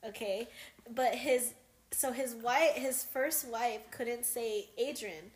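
A woman's voice: on the high side, slow. Chatty young woman in an echoey room. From United States. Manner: rambling, many fillers and laughs. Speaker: podcast co-host. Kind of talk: casual chat.

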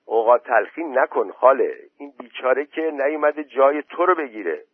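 A man's voice: medium pitch, animated, breathy edge, no room sound, voice pushed up. A man voicing a stubborn village man who refuses everyone, recorded dry through a phone-like line. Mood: defiant. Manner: defiant, stubborn. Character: stubborn young village man, fond of a dog.

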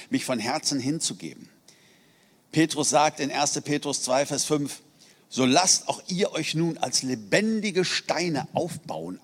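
A middle-aged man preaching a sermon in an earnest, conversational way, asking the congregation rhetorical questions. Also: medium pitch. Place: church hall. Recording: reverberant hall.

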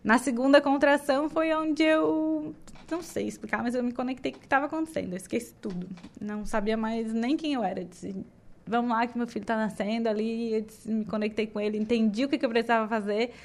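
A young woman from southern Brazil telling her birth story in casual chat, animated and often laughing. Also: on the high side, brisk.

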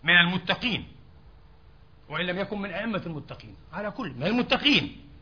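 Male preacher, high, fast and sharp-edged, impassioned sermon with rhetorical questions, dull lo-fi mosque recording. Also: sing-song, husky. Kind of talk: Friday sermon.

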